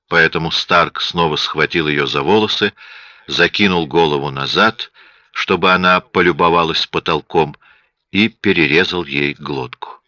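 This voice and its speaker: A man reading a story as an audiobook narrator, in a steady even delivery, on dull lo-fi audio. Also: deep voice, no echo. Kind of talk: scripted narration.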